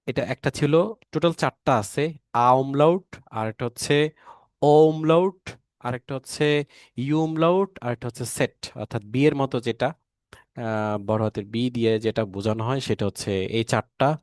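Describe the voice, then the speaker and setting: A man's voice: medium pitch, moderate pace, darkish tone, dry recording, clean studio sound. A man with a Bangladeshi Bengali accent teaching an online language lesson, repeating each word several times with many fillers.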